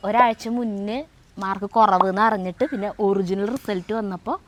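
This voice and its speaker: A woman's voice: mid-range voice, fairly even intonation, a little fast. A middle-aged woman, telling a story in a chatty way, full of fillers and self-corrections, in a home kitchen. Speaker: co-host of a family cooking vlog. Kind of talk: casual storytelling.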